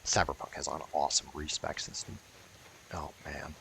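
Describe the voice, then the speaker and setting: A male gamer streams with loose, rambling commentary, swearing in a wryly fed-up way. His bass voice is creaky and fairly flat in pitch, he speaks at normal speed, and background noise can be heard.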